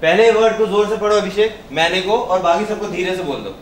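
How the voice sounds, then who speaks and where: A high-pitched male trainer leads a workshop, hammering key words and firing questions at the room. He is heard from a distance in a reverberant hall, with faint noise in the background. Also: fairly quick. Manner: emphatic, quizzes the audience, mixes in English. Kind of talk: interactive workshop teaching. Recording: echoey room, far from the mic, faint noise.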